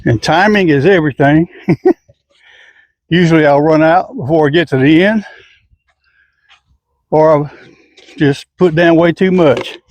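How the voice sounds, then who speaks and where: An older man talks through garden chores in a folksy, plain-spoken way, one step at a time. His voice sits a little high for a man. It is captured outdoors on a camera mic, with a dry sound and no room echo. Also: slow, long pauses. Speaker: home gardener. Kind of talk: casual how-to garden vlog.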